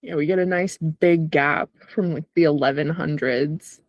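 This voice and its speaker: Woman chatting about research, eager quick reactions, dry close sound. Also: low voice, steady tone, dry recording, muffled recording. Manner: enthusiastic, chimes in with quick reactions. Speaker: research partner. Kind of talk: casual research chat.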